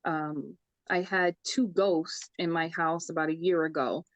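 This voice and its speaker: A young psychic medium from the Bronx talks earnestly about her life in a casual interview, telling stories in a New York accent and saying "I says" for past speech. Her low voice is unhurried with fairly even intonation, and there's no room sound.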